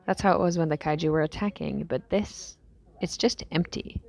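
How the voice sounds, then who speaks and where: Weary, low, creaky-voiced young woman survivor, acted. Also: a little mellow. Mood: somber, nostalgic. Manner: low-key, halting, musing aloud. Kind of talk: scripted audio diary monologue, fiction drama.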